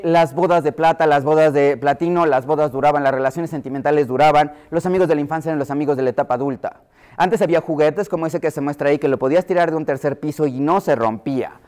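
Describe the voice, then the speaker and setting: A man's voice: a little high, darkish tone. A middle-aged man with a Mexico City Spanish accent giving an explanatory lecture to pediatricians, often acting out voices he quotes.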